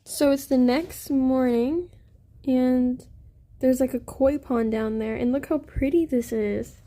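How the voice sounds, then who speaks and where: A woman's voice: sits high, steady tone, slow pace, dark tone. A young woman chatting to camera while traveling, showing things off in a casual vlog. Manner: chatty show-and-tell to camera. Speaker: travel vlogger. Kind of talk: casual on-location vlogging.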